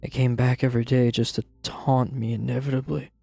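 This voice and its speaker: With music underneath, a man delivers a brooding, dramatic horror-story confession of a grim childhood memory as a troubled, guilty narrator. His gravelly, husky voice is mid-range, level, brisk, and warm, with no echo. The mood is grim and haunted.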